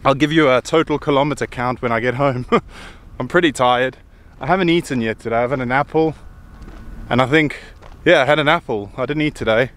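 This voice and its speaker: A man's voice: mid-range voice, fairly quick, a bit bright. A middle-aged man chatting enthusiastically and rambling as he walks outdoors, filming himself on a handheld phone. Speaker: vlogger. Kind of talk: casual walking vlog. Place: outdoors on a hillside.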